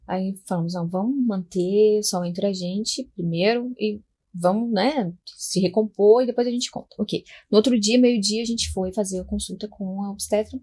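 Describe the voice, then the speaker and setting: A mother recounts her experience on a podcast in an emotional, heartfelt way, slipping into other people's voices as she acts out the conversations. Her voice sits at an ordinary mid pitch. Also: normal speed, warm tone. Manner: emotional, re-enacting dialogue. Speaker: mother telling her story. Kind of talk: podcast storytelling.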